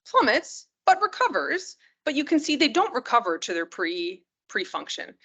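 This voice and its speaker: A woman who works as a critical care physician gives a hospital rounds lecture in a conversational style, regularly checking in with her listeners. Her voice is mid-range and a bit bright, and she uses many fillers and restarts.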